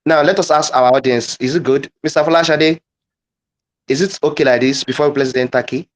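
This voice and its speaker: A man leading a live online teaching demo, halting and repeating phrases as he dictates wording. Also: a little high, steady tone. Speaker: guest presenter.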